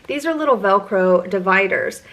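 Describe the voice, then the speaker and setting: A woman's voice: mid-range voice, expressive, normal speed, fairly bright tone. A middle-aged woman vlogger giving a chatty, enthusiastic product review. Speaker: beauty vlogger.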